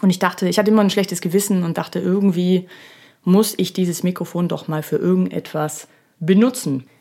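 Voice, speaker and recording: A woman in her thirties talks solo into a studio microphone for her podcast. She is chatty and self-ironic, with a slightly low voice, and she often pauses on filler sounds. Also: steady tone, warm tone. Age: 30s. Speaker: podcast host. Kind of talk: casual solo podcast monologue.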